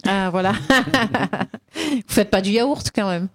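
A woman hosting a radio interview, animated and playful, laughing often with her guests in the studio. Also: mid-range voice, takes it slowly, a loud crowd. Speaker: radio host.

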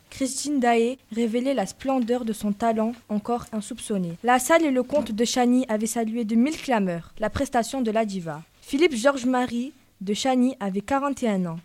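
A woman narrating a classic novel as a classroom reading, in a clear, steady storytelling voice. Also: a little high.

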